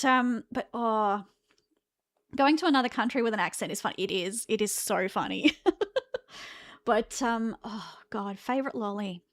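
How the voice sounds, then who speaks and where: A woman in her thirties with an Australian accent, chatting casually with her stream chat, laughing often and restarting her sentences. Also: medium pitch. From Victoria, Australia.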